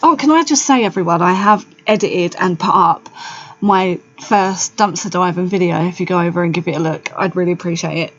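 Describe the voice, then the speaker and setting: A woman's voice: fairly low pitch, fairly quick, fairly bright tone. A woman co-hosting a podcast in casual chat, blunt and sweary, laughing often. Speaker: podcast co-host. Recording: dull lo-fi sound.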